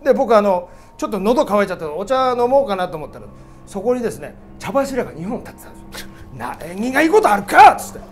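An excitable comedian rattles through a ghost story at high speed, his voice leaping up and down as he acts out chants and reactions. He slips Kansai turns of phrase into his otherwise mixed speech. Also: fast talker, faint music behind. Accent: mixed Japanese dialects with Kansai turns. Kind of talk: theatrical storytelling.

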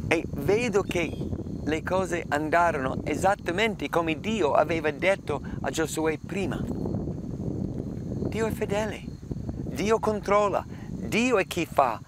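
A man's voice: fairly high pitch, expressive, measured pace, background noise. A man preaching a sermon and explaining a Bible passage in an earnest, emphatic way. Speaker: pastor.

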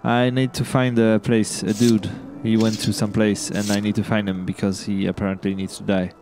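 A man's voice: on the low side, level tone, moderate pace, darkish tone, a little hiss or hum. A man hosting a video game let's play, chatting casually and rambling, tripping over his words in a giddy, upbeat mood. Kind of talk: casual gameplay commentary.

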